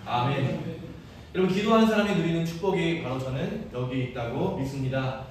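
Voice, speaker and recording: A male priest preaching an earnest, personal sermon, slightly higher-voiced than most men. His voice rings out across a big echoey church sanctuary, picked up from well off the mic, with faint noise underneath. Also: far from the mic. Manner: earnest, personal preaching with self-deprecating asides. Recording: echoey church hall from afar.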